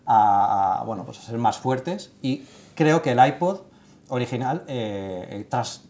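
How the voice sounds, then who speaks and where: An expressive man in his thirties on a studio panel, telling stories with emphasis. He stumbles and restarts often and fills pauses with "eh". His voice sits at a middle pitch. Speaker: tech site writer leading the segment. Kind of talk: casual panel discussion. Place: studio set with sofa.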